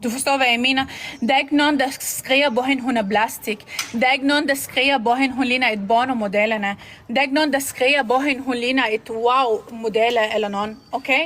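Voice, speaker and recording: A woman hosting a casual livestream, talking in a rambling, halting way with broken grammar. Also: on the high side, fairly even intonation, fairly bright tone, a little hiss or hum, rough recording.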